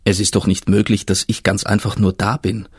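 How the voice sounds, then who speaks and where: A man voicing a clever, curious spirit of thinking in a storybook reading, asking earnestly with a husky tone. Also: on the low side, flat delivery, fairly quick, no echo, clean studio sound. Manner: earnest, questioning.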